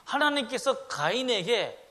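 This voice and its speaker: Animated high-voiced preacher man. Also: a little slow. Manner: animated preaching with sudden loud and soft swings, acting out quoted voices. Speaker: pastor. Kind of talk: Sunday sermon.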